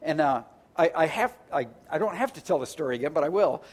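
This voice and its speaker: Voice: mid-range voice, expressive, fast talker. A pastor preaching a sermon in a conversational, earnest way, often restarting words and stacking phrases into lists.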